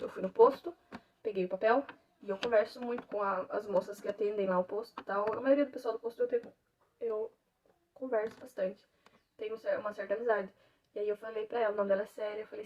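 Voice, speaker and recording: A young woman, a mother, telling her own story in an animated way and acting out the dialogue. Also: mid-range voice. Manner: animated, acts out quoted dialogue, laughs often. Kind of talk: emotional personal storytelling. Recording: distant mic, dull lo-fi sound, faint noise.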